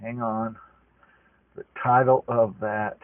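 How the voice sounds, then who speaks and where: A man's voice: medium pitch, little pitch movement, slow, no echo. A man making a phone call, heard over the phone line, politely explaining his request at length. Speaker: caller. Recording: tinny dry phone call recording.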